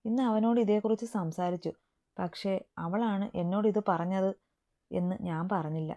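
A woman's voice: medium pitch, moderate pace, dark tone, lightly acted. Woman reading as a stern protective older brother. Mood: calm. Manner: stern, raises voice in anger. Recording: dull lo-fi recording.

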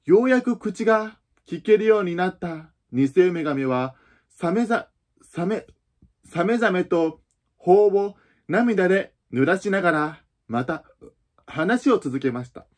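A man narrating a children's storybook in a calm, even reading voice, with the odd slip and restart. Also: high voice, a little slow.

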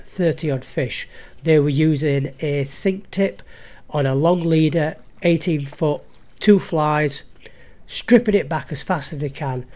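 A man with a fairly high, darkish voice gives a chatty, matter-of-fact recap of his fishing. He's a fly fishing vlogger standing on the bank of a stillwater lake outdoors, recording on a head-mounted action camera.

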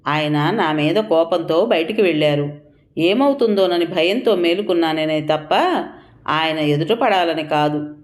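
A woman's voice: deep voice, unhurried. A woman voicing a meek, pleading young wife. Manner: soft, pleading, timid.

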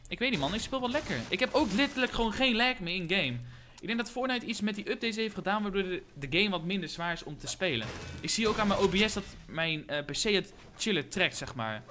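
Young male streamer, hyped and slangy, bright tense voice over faint game music. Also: high-pitched, a little fast, hardly any pauses. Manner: excitable, hyped, shouts at big moments, slangy. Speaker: gaming streamer. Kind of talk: live game stream commentary.

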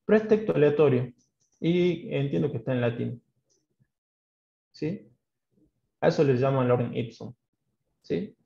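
A man's voice: medium pitch, a little slow, creaky, pauses often, mellow. A man with a Salta Argentine accent teaching an online programming class, explaining patiently and often checking in with a questioning "¿sí?". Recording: dull roomy online class audio.

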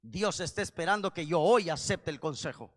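A man preaching a sermon with passion, swinging between loud cries and low, intense passages. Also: expressive, moderate pace. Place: church. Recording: long reverb of a church hall.

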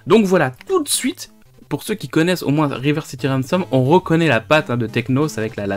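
A man's voice: mid-range voice, no echo. A man hosting a retro gaming video, chatting loosely with many hesitations and restarts. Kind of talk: casual gameplay commentary.

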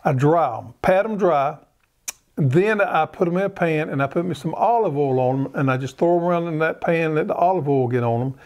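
Southern man, garden co-host, folksy drawl, slightly high voice, unhurried. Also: animated, darkish tone. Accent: Southern American. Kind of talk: casual how-to chat.

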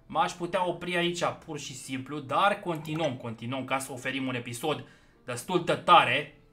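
A man giving casual gameplay commentary as a gaming YouTuber, excitable and swinging between loud outbursts and quiet muttering. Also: fairly high pitch, a little hiss or hum.

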